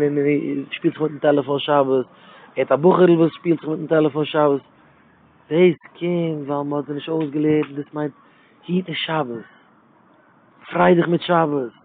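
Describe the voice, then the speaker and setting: A middle-aged man giving an informal religious talk, repeating his phrases with emphasis and circling back to them. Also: fairly high pitch. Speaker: religious speaker. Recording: tinny phone-line sound.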